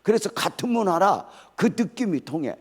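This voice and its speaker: An older man delivers a church sermon with lively energy. He quizzes the congregation, calls for responses, and drifts into relaxed conversational stories between points. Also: high-pitched, moderate pace. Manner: casual storytelling asides. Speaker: pastor. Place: church sanctuary.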